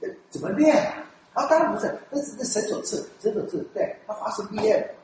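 A man from Taiwan speaking Mandarin with a Taiwanese accent, a church elder telling stories in a lively way, often laughing and mimicking people. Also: high voice, quick pace. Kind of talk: storytelling talk. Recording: very echoey room with faint noise.

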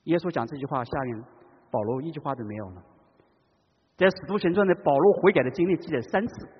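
Male preacher, fairly high husky voice, dramatic delivery from loud to hushed, recorded dull in a reverberant church hall. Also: expressive, fast. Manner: dramatic, swings between loud calls and hushed tones. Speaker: pastor. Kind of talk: sermon.

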